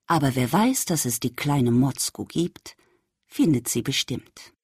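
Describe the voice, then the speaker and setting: Husky, slow woman reading a children's story. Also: very deep voice, lively intonation. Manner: gentle, addresses the young listener directly.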